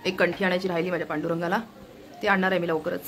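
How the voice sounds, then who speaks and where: A woman's voice: fairly low pitch, level tone, very fast, crowd noise. A woman chatting casually to viewers while cooking in her home kitchen, filming on a phone held in her hand and keeps pointing things out. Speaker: family vlogger.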